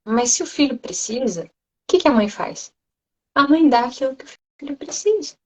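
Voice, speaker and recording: A woman's voice: high voice, moderate pace, low-quality recording. A woman with a Brazilian Portuguese accent, explaining parenting ideas in conversation and acting out children's voices as she goes. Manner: animated, acts out children's voices. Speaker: guest speaker on parenting.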